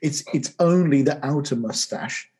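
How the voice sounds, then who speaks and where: An English man hosting a casual music podcast, talking in a jokey, enthusiastic, easily excited way. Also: fairly high pitch, normal speed, husky. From England. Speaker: podcast host.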